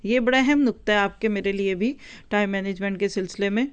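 A woman's voice: mid-range voice, fairly quick, smooth, muffled recording. A woman giving a religious lesson. She reads from a book, explains its words and speaks straight to her listeners. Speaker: religious teacher. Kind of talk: teaching lecture reading and explaining a book.

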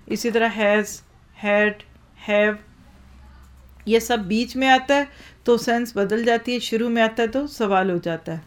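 Woman, Quran teacher, explanatory lesson, asks the class questions, slow careful recitation. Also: on the high side. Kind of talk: religious lesson on Quranic Arabic grammar.

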